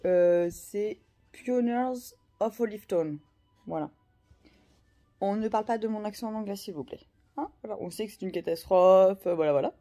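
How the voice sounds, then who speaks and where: A woman in her thirties talks casually to her viewers in a vlog. She rambles, loops back on herself and fills pauses with hesitations, her voice sitting at a medium pitch. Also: mellow, soft background music. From France. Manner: rambling, many fillers and restarts. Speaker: vlogger.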